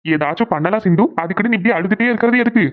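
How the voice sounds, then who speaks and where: A woman voicing a calm, sensible elder brother in a cartoon, giving steady advice. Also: medium pitch, very fast, narrow, tinny audio, natural voice. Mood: advising. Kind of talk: cartoon voice acting.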